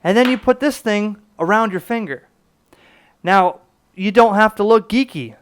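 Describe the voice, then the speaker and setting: A product reviewer with a high voice presents a casual gadget demo at a measured pace, and the recording is clean. He explains conversationally, asks himself questions, and often checks in with the listener by saying "okay?"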